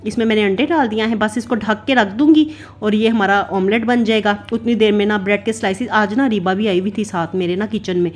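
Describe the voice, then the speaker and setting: A woman's voice: medium pitch, steady tone, fairly quick, hardly any pauses. A woman in her thirties from Pakistan, chatting through a casual voice-over for her home cooking and routine vlog. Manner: chatty, rambling, heavy use of filler "na". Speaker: vlogger mother. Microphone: voice-over recorded separately.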